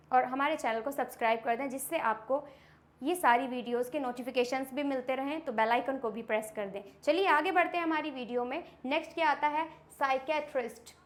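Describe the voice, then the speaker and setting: A young woman teaching a lesson, repeating example words clearly and often checking that the class has understood. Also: high-pitched. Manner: checks understanding with frequent quick questions. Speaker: English teacher. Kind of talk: classroom-style lesson explaining silent letters.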